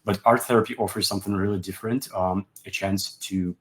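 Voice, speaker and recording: Deep-voiced man hosting a hesitant webinar. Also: steady tone, fast, fairly bright tone. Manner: hesitant, many ums and restarts. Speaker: host psychotherapist. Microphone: video call.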